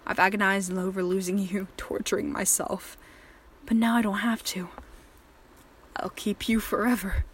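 A woman's voice: medium pitch, slight background noise, close to an everyday voice. A woman voicing a volatile, possessive male killer in an audio drama, speaking in a controlling, threatening manner. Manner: menacing and controlling, soft-spoken then raging. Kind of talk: erotic horror audio drama.

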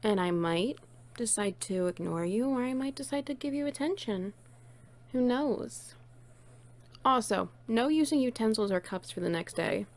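A woman's voice: on the high side, animated, moderate pace. A woman playing a playful, teasing, bossy friend in an intimate one-sided audio role-play, coaxing and doting on the listener. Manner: teasing, coaxing, cooing praise.

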